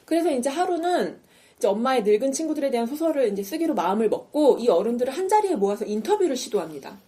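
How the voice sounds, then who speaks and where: A woman's voice: high-pitched, very animated, quick pace, mellow. A woman podcast host in a casual chat, animatedly retelling a TV drama and acting out its lines.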